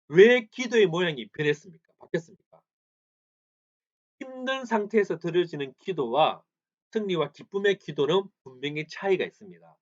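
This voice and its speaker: A male pastor preaching a sermon in church, asking the congregation questions, answering them himself and repeating phrases for emphasis. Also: high voice. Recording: slightly dull lo-fi recording.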